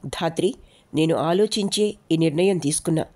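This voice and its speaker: A woman's voice: low-pitched, moderate pace. A woman reading as a firm, decisive mother. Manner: firm and steady.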